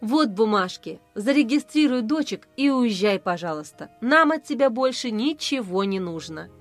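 A woman's voice: a little high, expressive, moderate pace, faint music behind, close to an everyday voice. A hurt, firm young mother, read by a woman. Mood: sorrowful. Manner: cool, firm, sorrowful.

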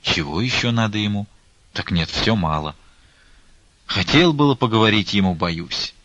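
A man's voice: fairly low pitch, animated, moderate pace, a bit bright, no echo. A man voicing a worried, thoughtful older servant who speaks in a folksy, pondering way, on a dull lo-fi recording.

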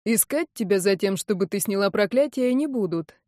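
A woman reading an audiobook, voicing a young male elf friend who scolds loudly and then soothes. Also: mid-range voice, expressive, moderate pace, dry recording, clean studio sound, lightly acted. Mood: explaining.

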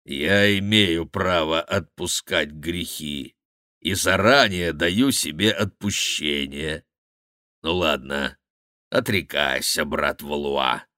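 A man's voice: very deep voice, slow, pushed and bright, no room sound, clean studio sound, voice pushed down, exaggerated voice. A man voicing a fat, brazen monk who bellows and mocks, preaching with scorn in an audiobook reading. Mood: menacing.

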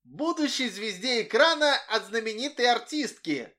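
A bustling, bossy schoolboy bursts out his words in a high, bouncing voice, as a man reading the book puts him on. He shouts and boasts breathlessly, full of his own importance, in a storybook reading. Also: sing-song, normal speed, heavily acted. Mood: excited.

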